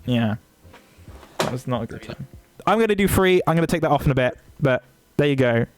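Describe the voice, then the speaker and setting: A man's voice: mid-range voice, lively intonation, brisk, no room sound. A young man, streaming from his desk and chatting casually, swearing freely and interrupting himself. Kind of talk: casual livestream chat.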